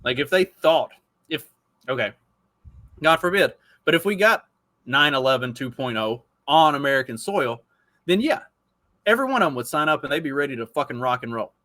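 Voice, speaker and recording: A man's voice: fairly high pitch, lively intonation, brisk, bright, forceful tone, dry recording. A man of forty talking in a casual podcast chat, profane and rambling, with many restarts. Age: 40s.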